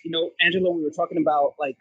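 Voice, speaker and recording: A man co-hosting a casual podcast, animated and joking, laughing often as he talks. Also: fairly high pitch, rapid-fire, breathy edge, no room sound, phone-quality sound. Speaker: podcast co-host.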